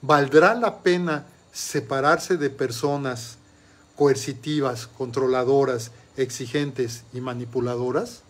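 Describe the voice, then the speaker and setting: A man giving a motivational talk as a life coach. He puts questions straight to the listener and slows down to stress each word in his lists. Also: mid-range voice, fairly even intonation. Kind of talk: motivational talk with a told story.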